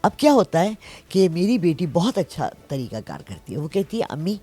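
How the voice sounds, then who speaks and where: A woman's voice: lowish voice, husky. A woman in her sixties, a palm reader, telling stories in a casual interview and often checking in with her listener. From Pakistan. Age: 60s. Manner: animated storyteller, frequent "theek hai?" check-ins.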